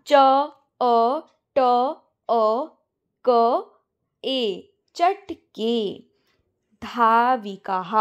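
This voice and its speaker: High-voiced woman teacher explaining slowly. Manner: explains step by step, mixes in English words; stretches out words slowly when reading answers. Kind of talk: online class lesson.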